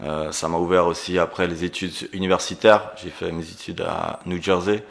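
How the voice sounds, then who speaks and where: A man with a deep, flat, gravelly voice tells stories at normal speed in a casual interview, against heavy background noise. He is from Geneva, grew up in Brazil, and speaks Portuguese as his first language. A guest who works as an entrepreneur and coach, he comes across as earnest and hesitant, using many fillers.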